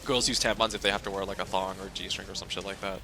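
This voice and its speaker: A man's voice: sits low, fairly even intonation, fast, vocal fry, sharp tone, soft background music. A young man streaming, telling a casual story in a rambling way, swearing and laughing a lot.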